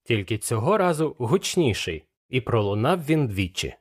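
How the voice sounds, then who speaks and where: A man narrating an adventure audiobook in a steady, measured storytelling manner. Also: mid-range voice.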